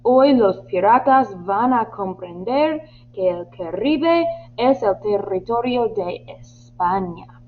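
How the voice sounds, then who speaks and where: A woman's voice: mid-range voice, lively intonation, slow pace. A woman voicing a frustrated barking captain. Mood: commanding. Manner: barking impatient orders. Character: frustrated commanding male ship captain. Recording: tinny lo-fi line with faint hum.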